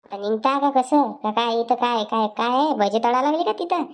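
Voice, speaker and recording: A woman's voice: fairly high pitch, lightly acted. A woman voicing a grumpy scolding village man. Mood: irritated scolding. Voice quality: scolding, coarse, rapid grumbling.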